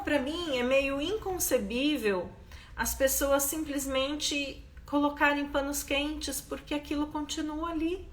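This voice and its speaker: A woman's voice: sits high, a bit bright. A Brazilian woman hosting a live stream, talking emphatically and stressing points with repeated questions. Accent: Brazilian Portuguese. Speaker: host of a live stream, therapist.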